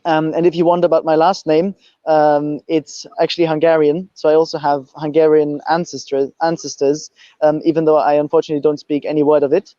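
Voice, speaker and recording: A man's voice: on the high side, flat delivery, brisk, mellow, dry recording, highs cut off. A young man from Austria, giving panel remarks as a youth movement president, hesitant with frequent fillers, on a video call. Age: young adult. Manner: hesitant, many fillers and restarts.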